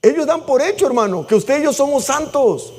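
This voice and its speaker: A man's voice: very high-pitched, animated, a little fast, a little mellow. A man preaching a sermon in church, passionate and pleading, voicing prayers aloud. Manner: impassioned preaching, acts out prayers. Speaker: pastor.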